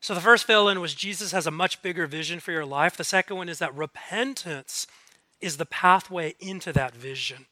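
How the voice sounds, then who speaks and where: High bright voiced guy preaching, chatty and animated, dry close sound. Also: moderate pace, dry recording. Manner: animated, conversational preaching with jokes and rhetorical questions. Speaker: guest speaker. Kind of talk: sermon.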